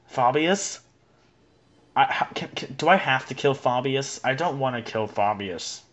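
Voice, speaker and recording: A young man giving let's play commentary, rambling and joking excitedly as he plays. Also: mid-range voice, highs cut off. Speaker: gameplay commentator.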